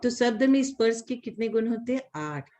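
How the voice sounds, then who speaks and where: A woman's voice: a little high, expressive, fairly quick, warm tone. A woman explaining a religious text to a small group, using everyday examples and asking her listeners questions. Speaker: religious teacher. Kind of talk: explaining a scripture lesson.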